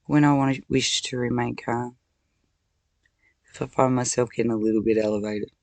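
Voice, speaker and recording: A woman giving a rambling spiritual monologue and prayer, slow and deliberate, breaking into sudden loud curses. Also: extremely low pitch, fairly even intonation, no room sound. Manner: guides slow breathing while chanting names. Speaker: spiritual video maker.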